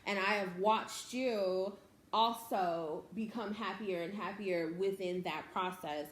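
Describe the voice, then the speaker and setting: A woman's voice: medium pitch, takes it slowly. A woman host and mother talking in a heartfelt, emotional way, often laughing. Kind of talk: emotional casual talk. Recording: echoey room, faint noise.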